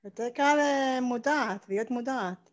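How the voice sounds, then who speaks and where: A woman's voice: on the high side, muffled recording. A woman whose first language is Persian, answering conversationally as a participant in a coaching session.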